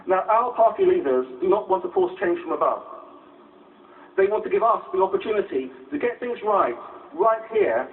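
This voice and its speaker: A man delivering a political conference speech as a delegate, emphatic and given to rhetorical repetition. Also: sits high. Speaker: political party delegate proposing a motion. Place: conference hall, speaking to delegates. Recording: distant, tinny narrow-band hall microphone, faint noise.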